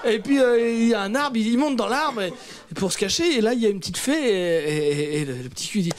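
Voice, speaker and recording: A man's voice: sits high, expressive, fairly quick, noisy background. A man telling a joke on a radio comedy panel, hesitant and rambling, stumbling over his own story. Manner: hesitant, rambling, self-interrupting. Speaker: guest comedian. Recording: studio audience laughter.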